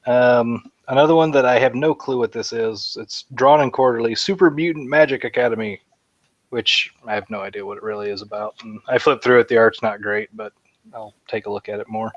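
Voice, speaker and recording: Fairly quick and mid-pitched, this podcast co-host chats casually in a rambling, fan-enthusiastic way with many fillers. The recording is dry and the highs are cut off.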